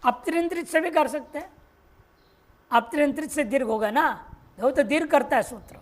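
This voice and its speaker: A woman teaching Sanskrit grammar in a classroom lecture, reciting word forms slowly and explaining each step patiently. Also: high-pitched. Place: ashram classroom.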